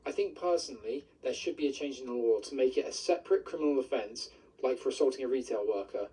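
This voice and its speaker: A man's voice: mid-range voice, expressive, fast talker, mellow, husky, recorded from a distance, rough recording. Man with a digitally disguised voice. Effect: voice electronically altered to hide identity. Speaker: bus driver. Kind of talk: news interview.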